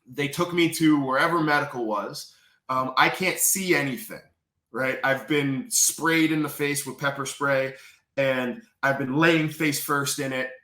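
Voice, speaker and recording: A man's voice: medium pitch, pushed and bright, roomy sound. A man intensely retelling a painful personal experience as a memoir author, repeating phrases as he tells it. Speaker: memoir author telling his prison story. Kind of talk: personal storytelling.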